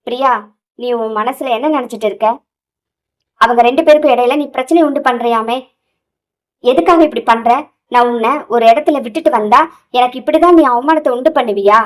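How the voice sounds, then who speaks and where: A woman's voice: on the high side, fairly quick, pauses often, lightly acted. A woman voicing an angry young man who scolds bluntly, in an audio novel. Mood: stern, scolding.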